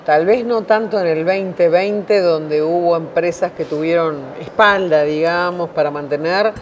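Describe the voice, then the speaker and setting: A woman's voice: lowish voice, measured pace, slight background noise. Middle-aged woman interviewer. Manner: informal, trailing, thinking-aloud phrasing. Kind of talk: conversational interview questions. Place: indoor restaurant with wine shelves.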